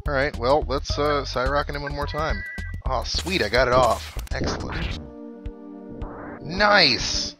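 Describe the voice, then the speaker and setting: Speaking slowly in a medium-pitched voice, a gaming video host runs a casual let's play with video game music in the background. He chats with viewers, thinks out loud and drops some wry jokes.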